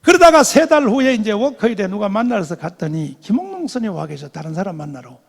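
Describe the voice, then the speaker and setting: A male pastor giving a sermon testimony, telling his story in an animated way with loud emotional bursts. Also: high voice, a little fast, creaky.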